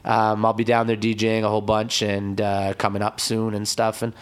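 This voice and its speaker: A man with a hoarse, raspy throat, chatting casually as a DJ guest and giving hyped, slangy shout-outs. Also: on the low side, monotone, fairly quick. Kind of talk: casual podcast chat.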